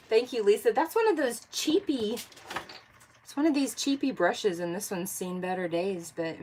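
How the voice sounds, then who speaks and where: A congested woman chats her way through a live crafting session, answering viewers by name as she works. Her voice sits at a middle pitch. A faint hum of the home workspace runs underneath. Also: moderate pace, a little mellow, low-quality recording. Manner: chatty, thinks aloud, answers viewer comments by name. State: congested from allergies. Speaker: tumbler crafter streaming live. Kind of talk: casual live-stream chat while crafting.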